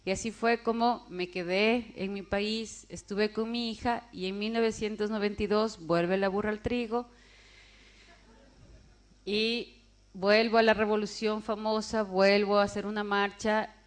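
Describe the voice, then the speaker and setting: A woman's voice: mid-range voice, steady tone, a little slow. A woman in her forties giving an emotional personal testimony, acting out the voices of people she quotes. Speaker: testimony speaker.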